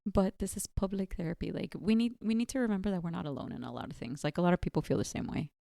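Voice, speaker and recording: A woman's voice: lowish voice, very animated, fast talker, gravelly, dark tone, no echo, studio quality. A woman co-hosting a casual podcast chat, talking freely with lots of "like" and "you know". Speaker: podcast co-host.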